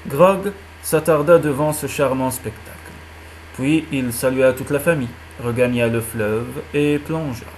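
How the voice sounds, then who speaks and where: A man reading a children's animal novel aloud in a calm storytelling manner. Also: mid-range voice, measured pace, a little hiss or hum. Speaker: reader.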